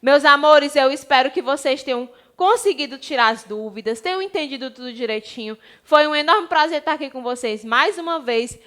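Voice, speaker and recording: A woman teacher with a Brazilian Portuguese accent, giving an online lesson to young children and explaining slowly and affectionately. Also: high-pitched, fairly bright tone. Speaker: primary school teacher.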